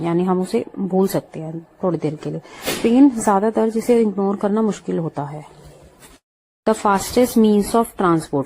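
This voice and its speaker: A woman with an Indian accent teaching English vocabulary, running through word lists quickly and saying the English phrases slowly and clearly. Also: medium pitch, dark tone, a little hiss or hum. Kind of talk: vocabulary lesson for Hindi speakers.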